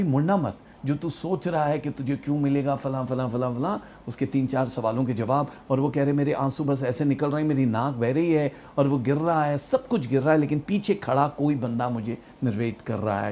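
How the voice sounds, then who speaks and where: A man telling a long personal spiritual story in a monologue, acting out the quoted dialogue with growing emotion. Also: a little hiss or hum. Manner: animated storyteller, acts out quoted dialogue, rising emotional pitch.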